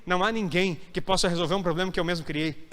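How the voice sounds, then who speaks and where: High, bright-voiced pastor preaching. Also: male voice, fairly even intonation, fast talker. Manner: emphatic preaching, acts out whiny voices of church members. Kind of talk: sermon. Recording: hall reverb.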